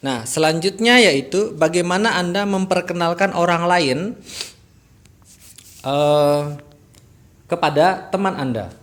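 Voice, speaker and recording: A man with an Indonesian accent teaching English phrases for introductions, saying each example slowly and clearly. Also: high voice, fairly bright tone. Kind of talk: recorded language lesson.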